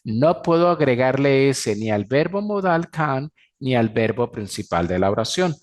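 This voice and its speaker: A man's voice: mid-range voice, animated. Spanish-speaking man teaching English grammar. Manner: explains grammar in Spanish, slowly spelling out English examples. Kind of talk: recorded class lecture.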